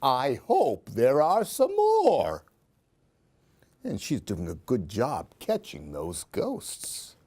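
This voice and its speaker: A mid-range, slightly mellow voice with a breathy edge swoops wildly in pitch while moving extremely slowly. This children's book show host reads Halloween picture books aloud theatrically, weaving in questions and asides for little listeners.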